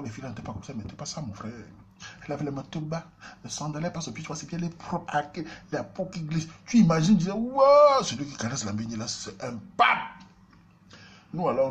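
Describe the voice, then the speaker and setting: Man, Cameroonian French accent, comic storyteller, rapid-fire, slightly high voice, loud bursts and low asides. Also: slight background noise. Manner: animated, swings between loud outbursts and low asides. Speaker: comedian.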